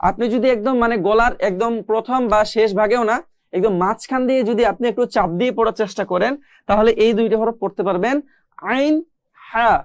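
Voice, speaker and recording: A man teaching how to pronounce Arabic letters, speaking slowly and patiently, repeating each sound several times. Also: sits high, no room sound. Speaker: Quran recitation teacher. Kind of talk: recorded pronunciation lesson.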